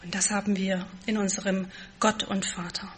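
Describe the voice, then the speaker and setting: A woman preaching a sermon, stressing key words with force and then dropping to a soft, quiet tone. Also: mid-range voice, flat delivery, normal speed, a little hiss or hum.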